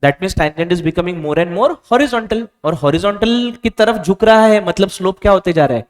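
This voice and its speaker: A male physics teacher giving a board lecture, asking questions and quietly answering them himself. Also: high-pitched, lively intonation, a little slow. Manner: stretches out key answer words softly. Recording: reverberant room.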